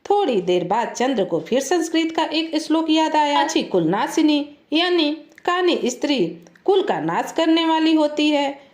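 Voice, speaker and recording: A woman telling a folk tale as scripted narration, steady and clear. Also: sits high, normal speed, roomy sound. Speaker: storyteller.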